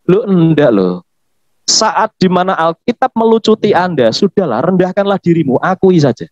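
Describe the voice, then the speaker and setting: Animated high-voiced man preaching in chat. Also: moderate pace, no room sound. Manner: animated, emphatic, laughs often. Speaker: pastor. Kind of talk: casual podcast chat. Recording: dull, lo-fi podcast audio.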